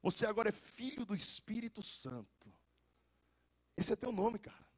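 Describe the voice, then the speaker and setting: A young adult man, a pastor with a Goiás accent, preaching a lively sermon full of jokes, stories and casual slang. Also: sits high, normal speed. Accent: Goiás Brazilian Portuguese. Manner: animated and joking, with casual slang.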